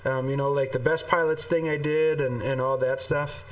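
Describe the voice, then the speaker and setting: A man's voice: mid-range voice, fairly even intonation, normal speed. A man co-hosting a casual live podcast, rambling and laughing often, his voice carrying an echoey, roomy sound over an online call. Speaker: podcast co-host. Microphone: desktop USB microphone through a mixer. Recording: distant echoey call audio.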